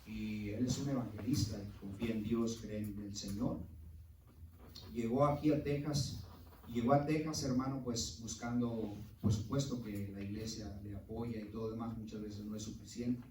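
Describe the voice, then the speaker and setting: A man's voice: fairly low pitch, fairly even intonation, normal speed, darkish tone, a little hiss or hum. A man preaching a sermon, telling a story earnestly with many fillers like "este" and "eh". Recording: roomy echo, mic far off.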